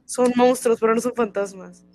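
A woman's voice: a little high, steady tone, normal speed, warm tone. A young woman, co-hosting a casual podcast chat in a skeptical, matter-of-fact way. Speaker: podcast co-host.

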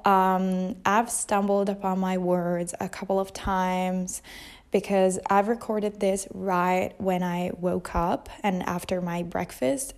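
Sitting on her couch at home, an Italian-speaking podcast host in her early twenties chats in an unscripted, self-deprecating way. She uses no proper microphone, and her medium-pitched voice has a slightly mellow quality.

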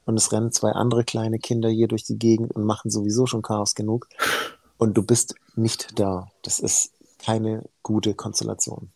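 A man in his thirties with a low, dark and gravelly voice talks candidly in a podcast interview. He comes across as frank and earnest, and the recording is dry and close. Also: flat delivery, moderate pace, dry recording, low-quality recording. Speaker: heart surgeon guest.

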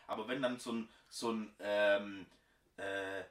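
A man's voice: fairly low pitch, steady tone, slow, fairly bright tone. Rambling young man in an echoey room. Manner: rambling, hesitant, lots of fillers. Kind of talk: casual chat. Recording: echoey room, mic at a distance.

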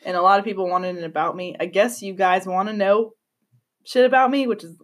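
A woman's voice: mid-range voice, fairly quick. A young woman hosting a podcast, chatting casually with a friend, giggly and swearing freely. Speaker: podcast host. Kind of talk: casual chat.

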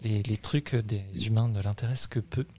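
A man's voice: fairly low pitch, fairly even intonation, moderate pace, a little mellow, soft background music. A man narrating a tabletop role-playing game as game master, with many hesitations. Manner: hesitant, full of fillers.

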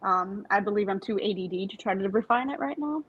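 A woman's voice: mid-range voice, fairly quick, slightly rough. Lady chatting easygoing and kinda rambly, muffled audio. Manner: easygoing, rambling, self-deprecating. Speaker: paranormal investigator. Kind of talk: casual chat.

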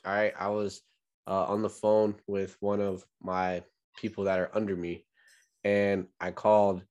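A man's voice: fairly low pitch, little pitch movement, measured pace, darkish tone. A man chatting casually as a podcast co-host, blunt and emphatic, repeating phrases for effect. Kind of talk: casual chat.

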